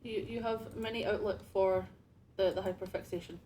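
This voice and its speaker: A man's voice: high-pitched, steady tone, moderate pace, warm tone, slight background noise. A young adult streamer chatting casually while playing a game, playful, laughing often and tripping over his words. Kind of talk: casual gaming stream chat.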